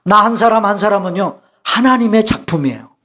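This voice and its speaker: A man, the church's pastor, preaching a sermon and putting rhetorical questions to the congregation in a lively, rising delivery. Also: sits high, a little fast.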